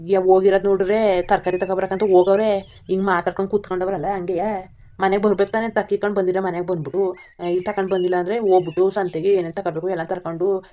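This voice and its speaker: A woman's voice: mid-range voice, flat delivery, fast, lightly acted. Woman voicing a blunt village son. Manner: blunt, questioning village talk. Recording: dull lo-fi recording.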